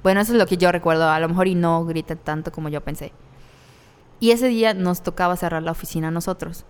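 Slangy Mexican woman with a smooth voice. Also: on the low side, fast, big-room sound. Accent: Mexican Spanish. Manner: candid, laughs through hard memories, slangy. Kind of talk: casual conversational storytelling.

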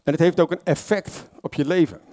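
A man's voice: fairly high pitch, steady tone, fairly quick, a little mellow. A man preaching an informal sermon, conversational, with many fillers and self-corrections and questions to the congregation. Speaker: lay preacher.

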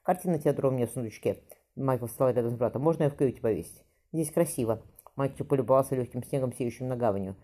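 A woman's voice: a bass voice, fast, warm tone. A woman reading a historical novel aloud as a narrator, lifting her voice for the characters' lines, with occasional slips and restarts. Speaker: audiobook narrator.

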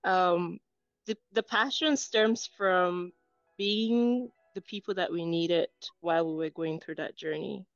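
A woman from Cameroon, a guest engineer and coach, answering interview questions earnestly and in measured lists. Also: lowish voice, no echo, lo-fi sound, soft background music. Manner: earnest, composed, speaks in lists.

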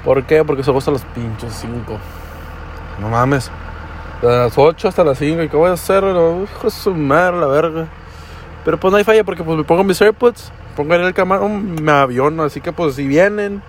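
A man's voice: on the high side, slight background noise. A young man from Mexico, talking casually to camera in a vlog, full of slang and swearing, slipping into English mid-sentence. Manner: slangy, profane, storytelling with code-switching.

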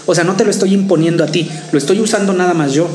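A man's voice: sits high, very fast, darkish tone. A man in casual debate chat, co-hosting a podcast, hesitating and repeating words as he argues. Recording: roomy echo with faint music.

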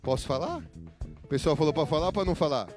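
A man's voice: on the high side, fast talker, a little mellow. A man preaching as pastor in a church, telling a funny story and joking with his congregation in a livestreamed sermon. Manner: joking, chatty, asks the congregation questions. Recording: guitar music playing underneath. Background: guitar music.

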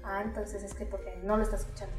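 A Mexican woman therapist explaining things in lively conversation, acting out quoted voices with many fillers. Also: mid-range voice, quick pace. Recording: roomy, distant mic.

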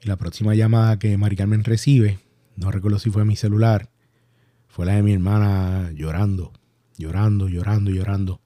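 A Puerto Rican man with a Puerto Rican Spanish accent, hosting a podcast and recounting a personal story in a halting, reflective way. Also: on the low side, little pitch movement, dark tone, no echo. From Puerto Rico. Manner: halting, reflective, many restarts and fillers. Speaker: podcast host.

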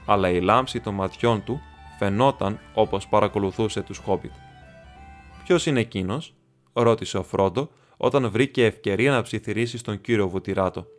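A man narrating a novel as an audiobook reader, in a steady, even reading. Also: on the low side, soft background music.

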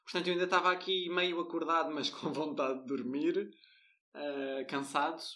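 A man's voice: a little high, fairly even intonation, moderate pace, pushed and bright. A young man with a European Portuguese accent, teasing his friend playfully in casual chat. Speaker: co-host.

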